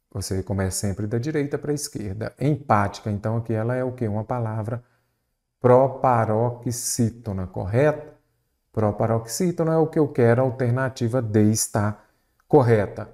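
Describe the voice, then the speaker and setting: A man's voice: mid-range voice, normal speed, a little mellow. A male teacher with a Brazilian Portuguese accent, walking through exam questions step by step and asking his listeners questions as he goes. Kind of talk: exam prep lesson.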